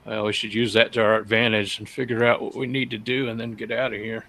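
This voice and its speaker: A man's voice: lowish voice, little pitch movement, fast, pushed and bright, low-quality recording. A man playing a tabletop game, talking casually with wry banter. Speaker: player.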